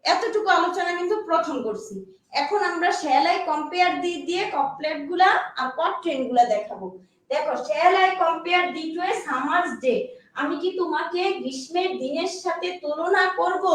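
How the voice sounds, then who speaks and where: A woman gives a classroom lecture on English literature in a very high voice. She explains step by step and keeps asking whether her students follow. She sounds far from the mic in a strongly echoing room. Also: a bit bright. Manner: explains slowly, checks understanding with repeated questions.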